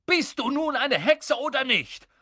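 A man's voice: extremely high pitch, very animated, measured pace, bright, forceful tone, dry recording, clean studio sound, pitched above the performer's own voice, full character voice. A man voicing a sarcastic, exasperated schoolboy wizard in an audiobook reading. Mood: sarcastic, panicky.

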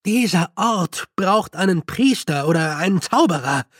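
A man's voice: sits high, expressive, measured pace, no echo, studio quality. A man voicing a frantic young male con man, agitated and breathless. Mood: rattled. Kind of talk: audiobook character voice.

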